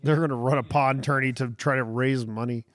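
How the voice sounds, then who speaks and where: A man's voice: medium pitch, fairly even intonation, fairly quick. A man in casual group banter, recorded inside a wooden cabin.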